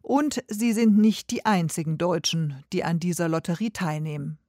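Lower-pitched female news presenter, composed, dry studio. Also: normal speed, darkish tone, no echo. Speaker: radio presenter.

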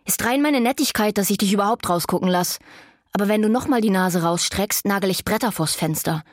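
A harsh, domineering mother scolds her daughter with biting contempt, put on by a woman reading an audiobook. The voice is sharp and scornful. It is recorded dry and close, with no room sound. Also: mid-range voice, fairly quick, no room sound, natural voice. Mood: scolding.

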